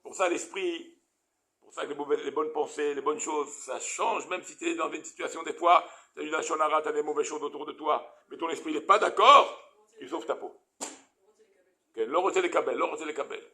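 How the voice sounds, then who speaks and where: A man teaching a Torah lesson as a rabbi, animated and questioning his audience, with many Hebrew terms. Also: fairly high pitch, normal speed.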